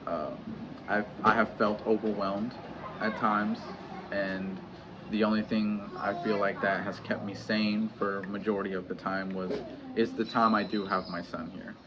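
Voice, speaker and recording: A man in his thirties with a lowish voice speaks haltingly, full of pauses and restarts, as he opens up in a personal vlog. The audio is dull and lo-fi, with steady noise underneath. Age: 30s. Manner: hesitant, halting, many restarts and fillers. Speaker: vlogger. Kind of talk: candid personal vlog talk. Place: home in Mexico.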